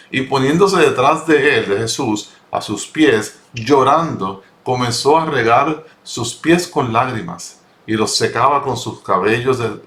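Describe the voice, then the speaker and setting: A man's voice: medium pitch, a bit bright. A man teaching a Bible study, reading scripture and explaining it earnestly, often repeating and rephrasing his words. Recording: roomy echo.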